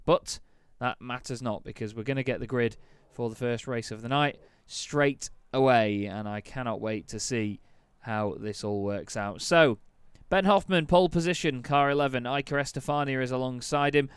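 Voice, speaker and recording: A man's voice: mid-range voice, normal speed, clean tone, dry recording. A man giving live sim racing commentary in a motorsport commentator's delivery, as the lead caller. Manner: motorsport commentator delivery, rising to excited calls.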